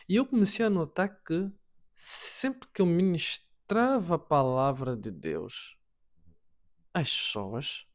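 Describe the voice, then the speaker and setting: A man preaching a personal testimony sermon, swinging between hushed and loud, repeating words for emphasis. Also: a little high. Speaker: prophet preacher.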